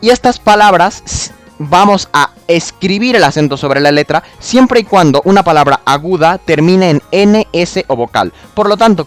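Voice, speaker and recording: A man ranting about spelling rules, exasperated, mocking and full of swearing. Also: on the high side. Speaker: video creator. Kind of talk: explanatory rant.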